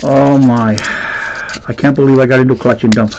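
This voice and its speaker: A man with a Nova Scotian accent chatting casually and excitedly as he sorts coin rolls, chuckling often. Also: mid-range voice, brisk, creaky, lo-fi sound, background noise. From Nova Scotia, Canada. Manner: excitable, chuckling, breathless at finds. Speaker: coin roll hunter. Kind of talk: casual chat while sorting coins.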